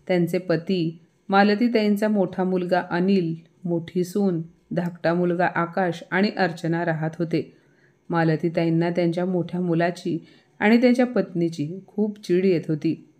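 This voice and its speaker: A woman narrates a family moral story in a steady, even manner. Her voice sits a bit low for a woman. The telling is scripted and unhurried in feel.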